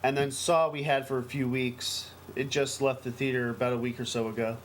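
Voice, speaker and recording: In a noisy, amateur-sounding podcast, an American co-host speaks briskly at medium pitch with a level tone. His casual talk rambles, and he's emphatic and enthusiastic.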